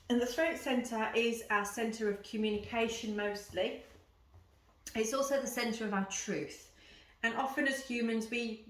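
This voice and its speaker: A woman leads a yoga and breathwork class in a bright, forward voice. She instructs step by step in an informal way. The room is echoey and she sounds a little way from the microphone. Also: on the high side. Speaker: yoga teacher. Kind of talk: guided yoga and breathing lesson, explaining and instructing. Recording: roomy echo, voice at some distance.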